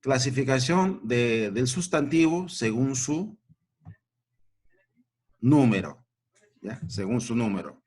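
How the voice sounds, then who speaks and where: A man's voice: mid-range voice, animated, slow, long pauses, darkish tone. A man teaching a grammar lesson to children, repeating each point and checking in with short questions.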